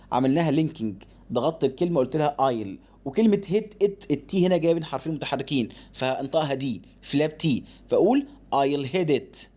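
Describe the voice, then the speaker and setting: A man with an Egyptian accent teaching English phonics, explaining fast and then modeling words slowly. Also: medium pitch, mellow. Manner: shifts between rapid explanation and slow drawn-out modeling of words.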